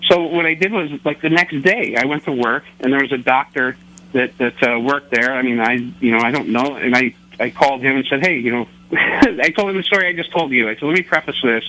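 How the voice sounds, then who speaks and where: A man's voice: mid-range voice, fairly quick, sharp tone, poor audio. A middle-aged man telling rambling, joking, self-deprecating anecdotes as a radio interview guest. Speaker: interview guest, record holder.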